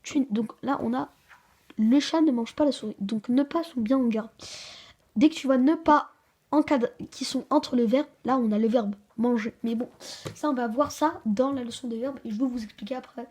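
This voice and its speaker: A woman hosting a home-made grammar lesson, hesitant, with many fillers and restarts, slowing down to stress example sentences. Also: fairly high pitch, a little mellow. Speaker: channel host teaching a French grammar lesson. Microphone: camera she handles herself.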